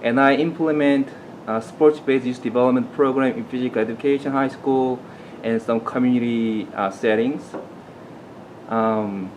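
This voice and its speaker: A young man from South Korea introduces himself at a workshop. He talks in a halting, hesitant way and leans on fillers, at an ordinary pitch. A faint hum runs behind him. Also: fairly even intonation, a little mellow, rough recording. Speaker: doctoral student. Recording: faint background noise.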